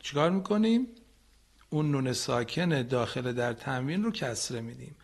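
With lively intonation and a mid-range voice, a man teaches Quran recitation over the radio. He slowly models phrases, sometimes chanting, while patiently correcting his students.

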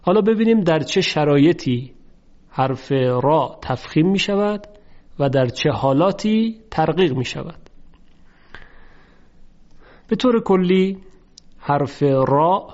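A man teaching a lesson on Quran recitation, slowly drawing out example words to demonstrate pronunciation. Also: a little high, expressive, a little mellow. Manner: slow, drawn-out demonstration of words. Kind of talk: lesson on tajweed. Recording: dull lo-fi recording.

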